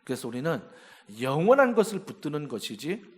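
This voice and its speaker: A man's voice: fairly high pitch, sing-song, a little fast. A male pastor preaching a sermon in a church, emphatic and asking the congregation rhetorical questions. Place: church sanctuary. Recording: long church-hall reverb.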